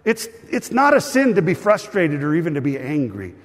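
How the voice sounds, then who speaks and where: A male pastor preaching a sermon to a live congregation, animated and joking with the crowd. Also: on the high side, moderate pace, long reverb tail.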